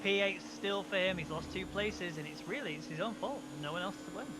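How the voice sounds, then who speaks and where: A man giving live sim racing commentary as a motorsport commentator, with excitable calls. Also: high voice, brisk, background noise.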